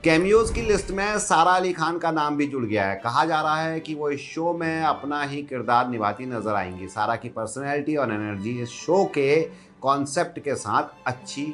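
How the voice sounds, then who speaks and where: A man's voice: fairly high pitch, expressive, moderate pace, a bit bright, soft background music. A man reading a scripted entertainment news roundup in an upbeat, gossipy way.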